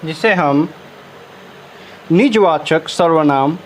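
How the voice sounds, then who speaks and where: Guy teaching grammar in class, says each term slow and twice, bit of hiss behind. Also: fairly high pitch. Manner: slow, repetitive dictation of terms.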